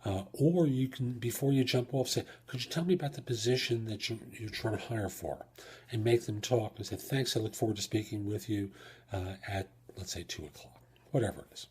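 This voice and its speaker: A fairly low-pitched man with a husky, slightly mellow voice speaks a little fast. Alone on his career advice podcast, this job search coach explains things methodically and poses rhetorical questions before answering them.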